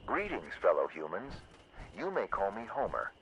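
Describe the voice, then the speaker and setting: A man's voice: fairly low pitch, huge pitch swings, moderate pace, muffled recording, noisy background. An actor voicing a stiff male robot character who pretends to be human and speaks in a formal, stilted, oddly polite way. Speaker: game character giving mission support.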